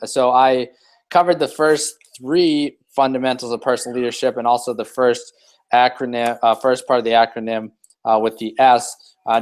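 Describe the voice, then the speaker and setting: A man's voice: mid-range voice, clean tone. Rambling man co-hosting a hangout. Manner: loose and rambling, with many fillers and restarts. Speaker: co-host of a personal development hangout. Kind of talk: casual rambling talk.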